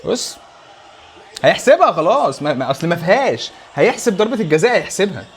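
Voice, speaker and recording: A man with an Egyptian accent fires off a live football reaction at breakneck speed. His voice sits high, and he keeps pressing the same urgings over and over in an exasperated running commentary. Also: sing-song, fast. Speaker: football fan reacting to a match.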